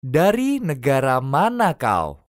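Slow, lively phrase-drill reader. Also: mid-range voice, no echo, studio quality. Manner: slow, careful, each phrase repeated three times. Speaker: language teacher.

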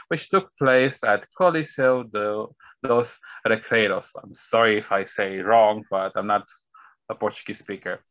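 Here a man in his thirties, hosting a panel review by video call, works through the running order and fumbles the foreign names. His mid-range voice has a fairly bright tone and carries no room sound, captured on a webcam in a home room lined with shelves.

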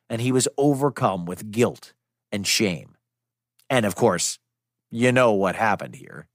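This storyteller, who also hosts a podcast, recounts a scripted myth for children with a dramatic, conversational touch. His voice is mid-range, and the dry, echo-free studio recording carries music underneath.

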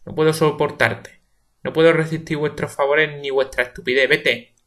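A man's voice: fairly high pitch, steady tone, normal speed, a bit bright, close to an everyday voice. A man with a Spain Spanish accent reading the part of a distraught young woman who sends someone away with scorn. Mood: bitter. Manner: bitter, dismissive.

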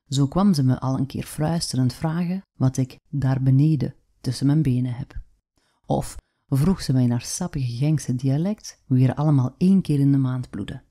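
A very dark, muted voice with a Flemish accent narrates a short personal story from a script. The tone is markedly mellow, at a middling pitch.

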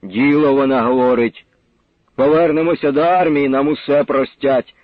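A man voicing a ragged peasant soldier who speaks calmly and plainly. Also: medium pitch, normal speed, dry recording, muffled recording, natural voice. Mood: steadfast.

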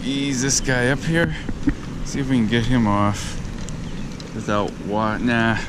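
Speaking slowly at a medium pitch, this man hosts a fishing video, talking straight to his audience in an excited, chatty way. He's outdoors on a riverbank and a fallen tree, recorded on an action camera worn on his head or chest that also picks up wind and river sounds.

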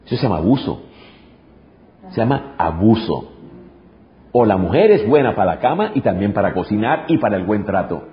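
A man's voice: fairly low pitch, big pitch swings, normal speed, pauses often, slight background noise. A male pastor preaching a sermon emphatically, repeating phrases and throwing rhetorical questions at the congregation. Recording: dull lo-fi recording.

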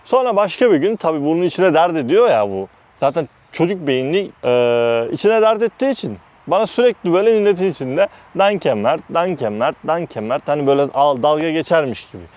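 Man, from Turkey, casual vlog storytelling, lively swooping intonation, blunt, heated. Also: on the high side, quick pace, few pauses, dull audio. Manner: heated, animated retelling with constant "dedim" between quoted phrases; blunt, uses mild swearing. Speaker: vlogger recounting work experiences.

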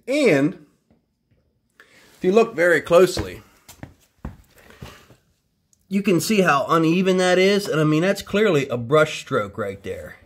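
Showing off an old three-wheeler in his garage, a restorer keeps things casual and chatty, full of wry self-deprecating jokes. He has a medium-pitched, slightly bright voice.

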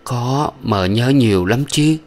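A man's voice: medium pitch, lively intonation, slow pace, pitched above the performer's own voice. A man reading a subdued grieving mother. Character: grieving young mother, hesitant and tender.

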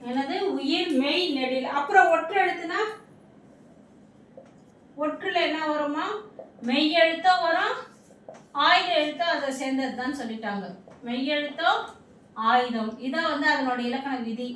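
A high-pitched woman teaches a grammar lesson, repeating each point and quizzing her listeners before answering. Her voice rings through a very echoey room, picked up from a distance with a faint hum of ambience behind. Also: a little slow, long pauses, fairly bright tone. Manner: repetitive, quizzing questions then answering them. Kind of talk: classroom lesson. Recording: echoey room, mic far off.

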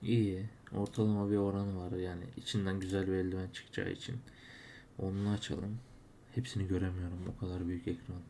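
Frustrated commentary comes from a man opening cases as he plays, exclaiming and grumbling at every loss. His voice is low-pitched and warm, with little pitch movement and a fairly quick pace, and a little hiss or hum runs underneath.

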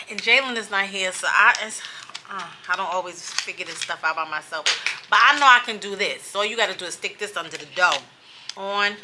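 A woman's voice: medium pitch, a little hiss or hum. A middle-aged woman, chatting and rambling in a casual vlog from a hotel room. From New York. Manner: chatty, rambling, animated asides. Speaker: vlogger.

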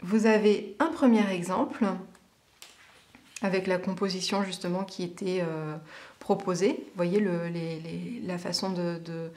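A woman's voice: fairly low pitch, fairly even intonation, measured pace, a little mellow. Chatty hesitant woman reviewing on camera. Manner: chatty and hesitant, many filler sounds; reads passages aloud from a booklet. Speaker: tarot reader and teacher. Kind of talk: casual product review on camera.

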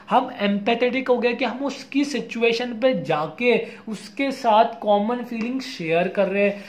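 A young adult man teaching an exam-prep lecture in a casual mix of Hindi and English, reading out English definitions slowly. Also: very high voice.

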